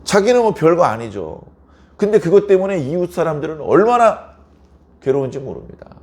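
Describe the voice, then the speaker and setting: A male pastor delivering an early-morning sermon in a warm, mellow voice whose pitch swings widely. He keeps it conversational and throws rhetorical questions at the pews. He slips into short, lively acted-out quarrels to make his point. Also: moderate pace.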